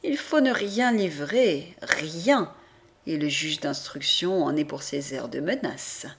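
A woman reading a novel aloud as an audiobook narrator, in a measured first-person style with lively voiced quotes. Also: sits low. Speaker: audiobook reader. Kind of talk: scripted narration.

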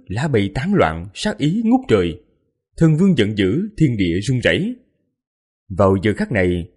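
Male audiobook narrator, dramatic and mournful, husky voice with a lively pitch. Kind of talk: scripted narration.

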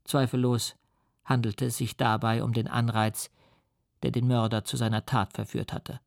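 A man narrating a classic novel in a measured, earnest and solemn reading. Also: mid-range voice, little pitch movement, gravelly, dry recording, clean studio sound. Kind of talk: dramatic literary reading.

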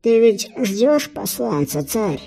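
Squeaky gravelly root-creature messenger, sly, slow and drawn out, storybook. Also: male voice, very animated, warm tone, full character voice. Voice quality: squeaky, creaking. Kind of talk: audiobook character voice.

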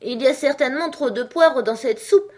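A woman's voice: sits high, normal speed, voice pushed up. A woman voicing a polite, timid young girl in a storybook reading, earnest and a little anxious.

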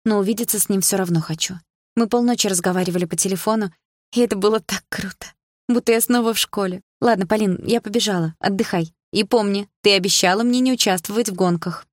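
A woman's voice: mid-range voice, no room sound, voice pushed up, lightly acted. A woman voicing an anxious, bossy young female friend who fires off worried questions and scolds. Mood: flustered. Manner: agitated, scolding, fast questions.

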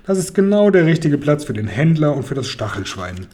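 Guy doing a bossy storybook pharaoh, mocking laugh, kinda husky mellow voice. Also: fairly high pitch, big pitch swings, a little fast. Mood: suspicious, commanding. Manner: boisterous, bossy, bursts of laughter. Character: pompous mocking male pharaoh, quick to laugh. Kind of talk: audiobook character voice.

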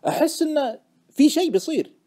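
A stubborn, matter-of-fact trader, played by a male narrator. He repeats his answers firmly, his voice raised a little, lively and brisk, with a dark, mellow tone. Audiobook storytelling. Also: very high-pitched, pitched above the performer's own voice.

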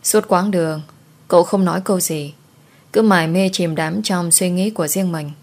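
A woman narrating a folk story in an expressive, folksy storytelling manner. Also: fairly low pitch, moderate pace.

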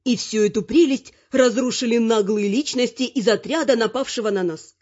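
A woman narrating a fantasy audiobook with even, expressive storytelling. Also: on the high side, moderate pace, husky, highs cut off.

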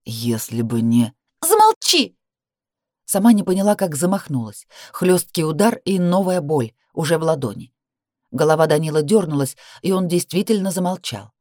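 A woman reading a romance novel aloud in an expressive narrating voice. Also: fairly quick, dry recording, clean studio sound. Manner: expressive reading, rising high for the heroine's cries. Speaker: audiobook narrator.

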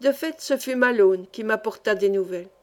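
A woman's voice: medium pitch, moderate pace. A woman narrating a fantasy story for an audiobook, reading steadily.

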